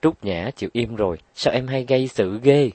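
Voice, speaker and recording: A man voicing a kind boy who gently coaxes and soothes a younger girl. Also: mid-range voice, normal speed, dry recording, close to an everyday voice. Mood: coaxing. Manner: coaxing, gentle pleading. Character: kind older boy soothing little girls.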